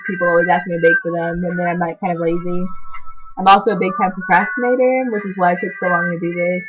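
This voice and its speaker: A fast-talking teen girl with a voice on the low side and fairly even intonation introduces herself as a channel co-host in a casual vlog, chatty and rambling with constant "like." Half Chilean, half American, she grew up speaking Spanish first. Music plays in the background and the highs are cut off.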